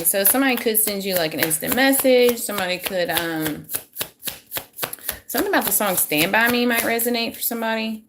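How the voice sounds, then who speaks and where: Chatty woman tarot reader, hoarse voice. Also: medium pitch, a bit bright. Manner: chatty, self-deprecating, talks to viewers. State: losing her voice, a bit hoarse. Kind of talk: casual live-stream tarot reading. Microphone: phone.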